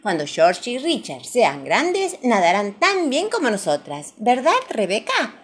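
A woman's voice: a little high, huge pitch swings, a little slow, voice pushed up. An Argentine woman voicing a bossy little girl pig in a children's storybook, proud and emphatic.

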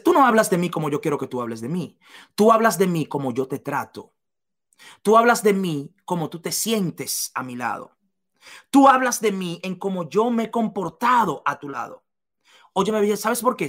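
A woman giving a motivational seminar talk to business leaders, emphatic and repeating key phrases to the listener. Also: fairly low pitch.

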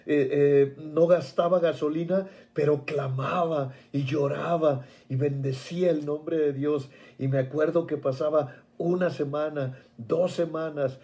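Fervent high-voiced man preaching. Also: fairly even intonation, a little slow, dark tone. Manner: fervent, emotional, repeating phrases in prayer. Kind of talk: sermon with personal testimony.

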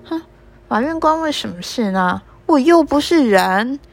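A woman voicing a smug, greedy male python in a children's story, scornful and drawn-out. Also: high-pitched, animated, gravelly, pitched above the performer's own voice, full character voice.

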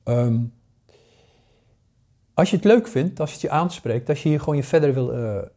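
A man's voice: on the high side, lively intonation, moderate pace, dark tone. A man, teaching a casual spoken lesson, hesitating often with fillers and restarts. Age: 60s. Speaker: paranormal course teacher.

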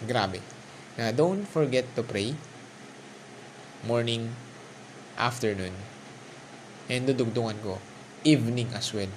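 A man's voice: medium pitch, slow, long pauses, slight background noise. Chatty man speaking straight to the listener. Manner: chatty, mixes Tagalog and English, talks straight to the listener. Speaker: vlogger. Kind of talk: casual motivational monologue. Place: his room, alone.

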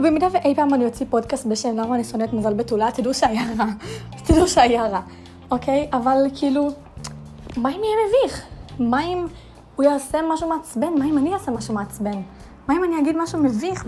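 A woman's voice: high voice, animated, warm tone, soft background music. A young woman hosting a casual solo podcast, chatty and full of fillers, piling up dramatic rhetorical questions. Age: young adult. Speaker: podcast host.

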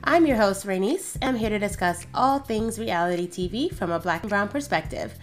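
A woman's voice: mid-range voice, expressive, a little fast. A woman speaking as a podcast host in an informal, conversational style. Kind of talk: podcast intro and casual chat.

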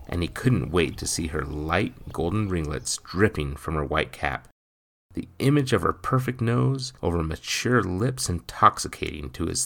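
A man reading a story aloud as narrator, with an expressive, dramatic delivery. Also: deep voice, creaky.

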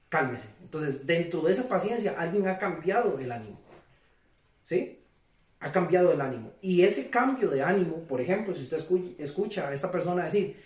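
A man's voice: a little high, darkish tone. Guy giving a chatty sermon, asks the crowd stuff, repeats himself, mic far off in a roomy space. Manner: asks the congregation questions, repeats phrases. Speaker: preacher. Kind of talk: conversational sermon.

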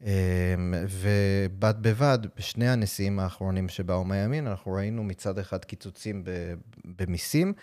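Casting: male podcast host, lowish pitch, American English accent, halting delivery full of long hesitations. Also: a little mellow. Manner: halting, with frequent drawn-out hesitations. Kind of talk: podcast interview.

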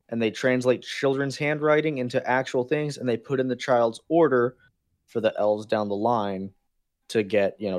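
A man's voice: mid-range voice, dry recording. Rambling jokey man, dry sound. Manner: rambling, restarts mid-sentence, jokey and animated. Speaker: podcast co-host. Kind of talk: casual comedic chat.

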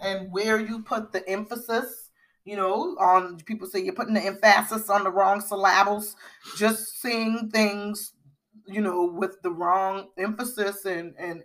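A middle-aged woman co-hosting a podcast in casual chat, rambling with fillers and restarts. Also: medium pitch. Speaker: podcast co-host.

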